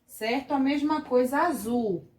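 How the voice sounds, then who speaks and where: Brazilian woman teacher, higher voice, slow and patient, echoey room. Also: darkish tone. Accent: Brazilian Portuguese. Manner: patient, asks the class questions and checks with "certo?". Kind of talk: grammar lesson for children.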